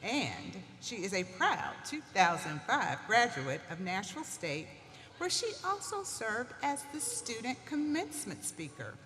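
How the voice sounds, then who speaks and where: A woman's voice: mid-range voice, a bit bright, a little hiss or hum. Formal woman presenter in a hall. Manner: measured, formal reading. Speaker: ceremony presenter introducing the speaker. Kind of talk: formal introduction. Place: large auditorium. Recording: echoey large hall with faint ambience.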